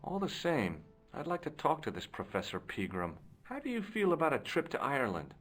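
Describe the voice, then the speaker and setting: A man's voice: fairly high pitch, huge pitch swings, fairly quick, fairly bright tone, faint music behind, heavily acted. A man voicing a curious young American investigator in a video game, wry and probing, with dry narrating asides.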